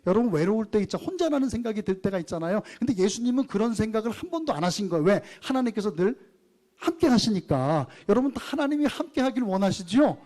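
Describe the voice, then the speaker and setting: A middle-aged man preaches to his congregation in a dark, mellow voice that sits a little high. He keeps asking them questions and calls them into reading along. His lines swing between lifted, louder exclamations and hushed low asides. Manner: lively, shifting between raised and low quiet phrases. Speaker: pastor. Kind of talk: sermon.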